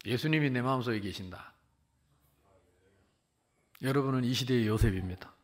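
A man in his sixties from the Jeolla region of South Korea, preaching a sermon as pastor with animated storytelling that swings from loud to hushed. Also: medium pitch, normal speed. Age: 60s.

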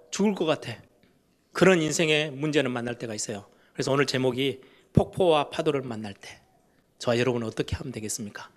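A middle-aged male pastor preaching a lively sermon. His voice sits a little high for a man. He swings into raised, pleading tones when he acts out questions.

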